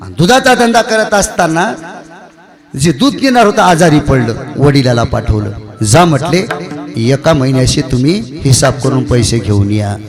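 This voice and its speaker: A man from the Marathwada region preaching a devotional kirtan sermon with stories, singing verses and switching between loud declaiming and hushed asides in a temple hall. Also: medium pitch, lively intonation, moderate pace, a crowd in the background. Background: tabla and music.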